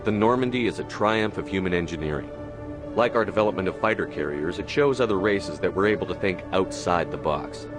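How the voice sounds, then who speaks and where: A man's voice: low voice, animated, fairly quick, over music. A man playing a blunt, authoritative military commander in a video game. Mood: guarded, formal. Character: blunt, authoritative human military commander, hard-edged hero. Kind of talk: video game drama acting.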